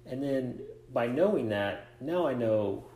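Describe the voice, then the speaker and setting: A man's voice: medium pitch, animated, a little slow, warm tone. A man hosting a casual interview about coaching, reflective, asking long rambling questions. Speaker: podcast host, coach and author. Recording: echoey room.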